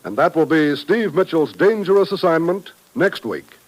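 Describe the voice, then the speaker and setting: A man's voice: a little high, animated, moderate pace, rough recording. An American man announcing on 1950s network radio, reading scripted promotions and credits in a polished, formal manner. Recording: old radio broadcast recording.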